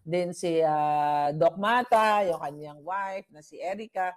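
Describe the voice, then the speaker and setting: A woman with a low-pitched voice tells a story to her viewers in a lively, gossipy vlog style. She is chatty, mixes in English phrases and laughs often between lines. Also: slow. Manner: animated and chatty, mixing in English. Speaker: vlogger.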